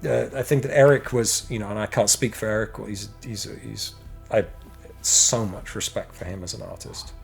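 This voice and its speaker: A middle-aged American man from the United States appears as a podcast guest in a casual interview, rambling with many restarts and the odd blunt curse. His voice is lowish and creaky, with a steady tone and moderate pace, and faint music plays behind him.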